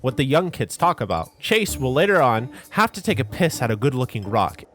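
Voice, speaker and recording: A video narrator recaps a visual novel in a scripted but informal way, dropping wry, joking asides. His medium-pitched voice is a bit bright, fairly quick, and swings widely in pitch, with music playing under it.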